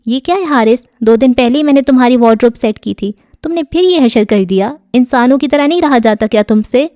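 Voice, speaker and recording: A woman's voice: expressive, no room sound, studio quality, close to an everyday voice. A woman reading an exasperated scolding young woman. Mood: annoyed, scolding. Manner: indignant, higher and louder than her narration. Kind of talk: audiobook character reading.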